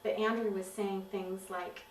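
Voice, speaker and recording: A woman giving personal testimony, telling her story in an earnest, halting way. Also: mid-range voice, steady tone. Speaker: witness giving filmed testimony. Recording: roomy, distant mic with faint hiss.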